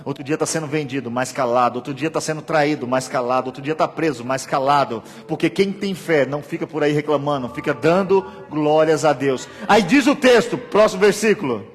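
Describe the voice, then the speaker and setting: A male pastor preaching a sermon in a church, swinging between hushed and shouted passages. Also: on the high side, brisk, few pauses. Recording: long church reverb, soft music.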